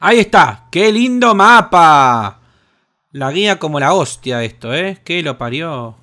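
A young man with a Rioplatense Spanish accent, commenting on his gameplay in an excitable, crude way with lots of swearing. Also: a little high, moderate pace, slight background noise. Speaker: gaming host.

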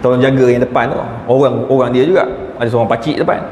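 A man with a Malaysian Malay accent giving a lecture in a large hall, telling animated stories and acting out the people in them. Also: mid-range voice, fast, slight background noise. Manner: animated anecdotes, acts out quoted voices. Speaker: religious lecturer. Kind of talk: mosque lecture with storytelling. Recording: echoey hall with faint ambience.

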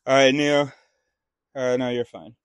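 A man's voice: mid-range voice, steady tone, measured pace, smooth, dry recording, studio quality. A man in a casual spoken monologue, rambling and often stopping to restart his sentences. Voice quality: rambling, self-interrupting.

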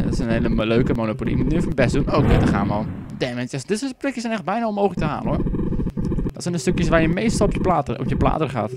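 A young man giving rambling, goofy gameplay commentary while tipsy, swearing often and breaking into sudden high-pitched outbursts. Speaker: gaming YouTuber. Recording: loud background noise.

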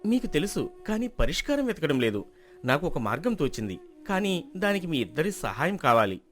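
An earnest young villager pleads his case with lively rises and falls in pitch, as a man acts him out. He argues quickly and firmly, like a hero in a storybook drama. Soft music plays underneath. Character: earnest young male villager, calm and persuasive.

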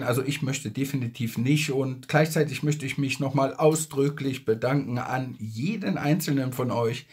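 A man in his fifties from Germany talking casually and earnestly to his followers, emphatic and often repeating himself, recorded indoors on a phone. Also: medium pitch. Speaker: social media creator. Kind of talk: casual video message to followers. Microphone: phone at arm's length.

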